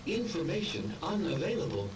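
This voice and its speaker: A man voicing a calm, polite helper drone in a video game, speaking as a machine computer voice that repeats set phrases. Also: fairly high pitch, normal speed, recorded from a distance, background noise.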